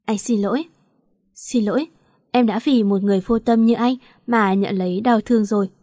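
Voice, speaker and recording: A woman voicing a heartbroken young man, soft pleading lines, dry close sound, storybook romance. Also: on the high side, normal speed, dry recording, close to an everyday voice. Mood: remorseful. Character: grieving young man, tender and remorseful.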